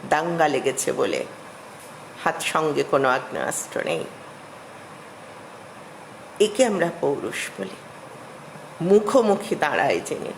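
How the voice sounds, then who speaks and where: A middle-aged woman giving an academic lecture as a literature professor, measured and explanatory, with emphatic rises. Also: sits low, a little hiss or hum, rough recording.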